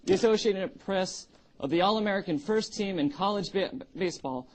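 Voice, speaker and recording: A man reading sports news as an anchor, nervous and stumbling through the script with halting delivery. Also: sits high, low-quality recording.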